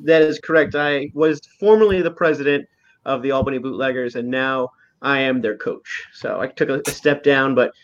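An easygoing man, a local club coach, chats as a guest on a live stream and leans on "you know" as he talks. His voice has an ordinary middle pitch. The sound is dull and lo-fi. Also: moderate pace, slight background noise. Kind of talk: casual live-stream chat.

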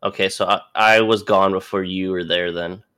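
A man's voice: low-pitched, fairly even intonation, normal speed, fairly bright tone, smooth. A man in his late twenties in casual podcast chat, drowsy and easygoing. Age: late 20s. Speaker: podcast co-host.

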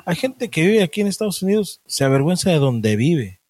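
A man's voice: on the high side, big pitch swings, a little fast, darkish tone, no echo. A man, the host of a comedy podcast, teasing and swearing in casual chat. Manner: crude, teasing, swears a lot.

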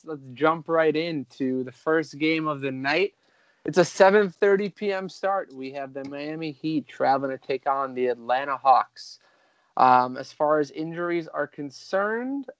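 An upbeat man hosts a sports podcast in a relaxed, chatty way, with plenty of filler words along the way. His voice sits a little higher than most men's. The sound is dry and a bit dull, like a lo-fi home setup. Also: dry recording. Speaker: podcast host. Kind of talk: casual sports betting talk.

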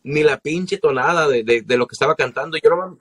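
A man's voice: on the high side, brisk, slightly rough. A man with a Mexican Spanish accent, a singer telling stories in casual podcast chat, slangy and profane.

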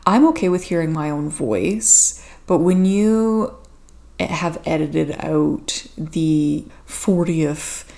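A young Canadian woman hosts a casual solo podcast. Her voice is a little low for a woman, with plenty of vocal fry, and she takes her time. She rambles informally and pokes fun at herself. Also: slow pace, dark tone. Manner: rambling, informal, self-deprecating. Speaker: podcast host. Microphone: podcast microphone with pop filter.

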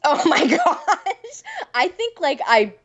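Pregnant lady chatting as a guest, giggly, says like a lot, lively up-and-down voice. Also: high-pitched, takes it slowly, highs cut off. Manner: chatty, giggly, lots of filler "like". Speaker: guest, food blogger. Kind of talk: casual interview chat.

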